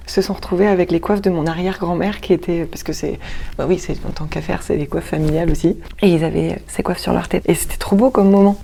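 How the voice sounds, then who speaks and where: A woman with a lowish, mellow voice answers in a relaxed interview. She hesitates often, circling back and restarting her sentences as she searches for her words, then gets lively when she tells a story. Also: vocal fry. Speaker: actress and stage director, interview guest. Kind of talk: casual conversational interview.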